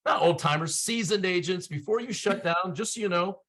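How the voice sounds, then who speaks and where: A man's voice: high voice, fairly quick, pushed and bright. A middle-aged man from Ohio hosting an online meeting, upbeat, folksy and joking, talking over a video call. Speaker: webinar host.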